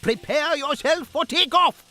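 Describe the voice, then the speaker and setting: A man's voice: extremely high pitch, unhurried, bright, forceful tone, heavily acted. An actor playing a proud, eccentric old grandfather inventor in a video game, declaiming theatrically. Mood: excited, confident. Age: older. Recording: music under the voice.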